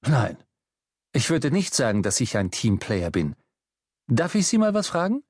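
A man's voice: mid-range voice, huge pitch swings, measured pace, darkish tone, husky, dry recording, clean studio sound, exaggerated voice. A man reading an audiobook, voicing a desperate middle-aged man who pleads and then hurls insults in a raised voice. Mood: defiant.

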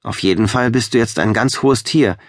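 A man's voice: mid-range voice, moderate pace, dry recording, studio quality, close to an everyday voice. A man reading a wry young man's line in an audiobook.

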